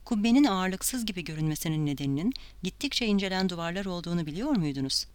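An eager male tour guide who never stops talking, as an audiobook reader puts him on, gushing and lively in a smooth, clear voice. The sound is close and dry, with no room around it. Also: medium pitch, fast, no echo, lightly acted. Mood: pleased. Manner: effusive, talkative.

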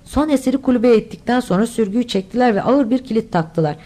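A woman's voice: fairly high pitch, animated, fast talker, warm tone. A woman reading a children's adventure novel aloud as an audiobook, voicing all the characters herself. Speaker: audiobook reader. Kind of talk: scripted audiobook narration.

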